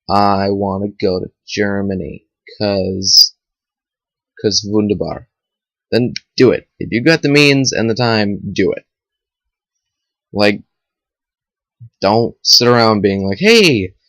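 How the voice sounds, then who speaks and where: A young man rambles in a chatty, casual way, full of fillers and restarts, his voice sitting a bit low. The sound is dull and lo-fi, as if from a built-in webcam mic, with a dry, close feel. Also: dry recording. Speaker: vlogger. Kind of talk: casual motivational talk to camera. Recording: dull lo-fi home webcam audio.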